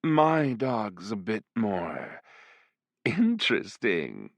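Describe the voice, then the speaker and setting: A man's voice: fairly low pitch, huge pitch swings, no echo, heavily acted. Lamia, a purring sadistic succubus, voiced by a man. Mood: mocking. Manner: slow, drawn-out purring delivery. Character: sadistic seductive female succubus demon. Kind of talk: audiobook character voice.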